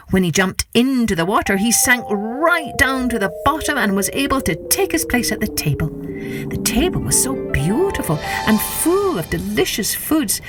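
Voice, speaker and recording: A woman narrates a scripted folktale for children as a podcast storyteller. Her medium-pitched voice moves up and down expressively, with faint music underneath.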